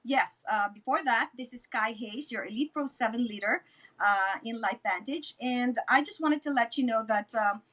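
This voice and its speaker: Her fairly high voice a bit bright and her pace normal, a middle-aged woman from the Philippines gives a personal testimonial as a guest in an online interview. She's a network marketing business leader who speaks with a Filipino accent and repeats words to stress her points.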